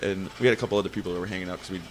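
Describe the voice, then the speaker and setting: A man's voice: low voice, rapid-fire, slight background noise. A man hosting a podcast, telling a story in casual chat. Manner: animated storyteller, acting out quotes. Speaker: podcast host.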